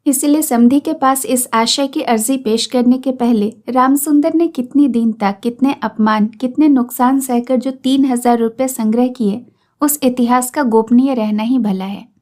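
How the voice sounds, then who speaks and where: A woman storyteller reading a classic story aloud in a steady, measured narration. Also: high-pitched.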